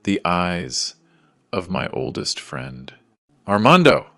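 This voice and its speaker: A man reading a dramatic first-person story in a measured, somber way. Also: low voice, creaky, fairly bright tone, no echo, studio quality. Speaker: narrator.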